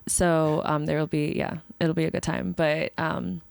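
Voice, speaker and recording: A woman guest talking in a relaxed, reflective way with many fillers, in a casual conversation. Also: sits low, unhurried, creaky, clear, resonant tone, dry recording. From born in the United States, raised partly in Ethiopia. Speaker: guest, film series organizer.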